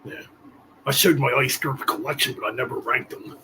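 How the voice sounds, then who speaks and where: A man in his forties hosting a casual livestream chat, relaxed and chatty. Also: medium pitch, moderate pace, slight background noise. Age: 40s. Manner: laid-back, chatty metal fan. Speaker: host. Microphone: streaming setup.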